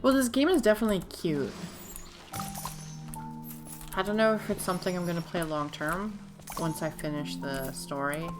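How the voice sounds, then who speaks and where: A woman streamer, hoarse and losing her voice, chatting casually while playing a game at home. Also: on the low side, moderate pace, long pauses. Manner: chatty, rambling, self-interrupting. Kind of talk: casual live gameplay commentary. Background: game music.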